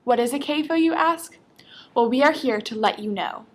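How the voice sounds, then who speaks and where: A woman with a fairly high voice presents a scripted infomercial. She reads her lines aloud earnestly, as a presenter informing viewers. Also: normal speed.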